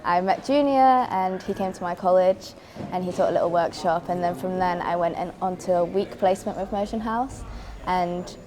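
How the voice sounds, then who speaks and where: A woman's voice: fairly low pitch, normal speed, crowd noise. A young woman from England, a new dancer, talking earnestly in a documentary interview about her training.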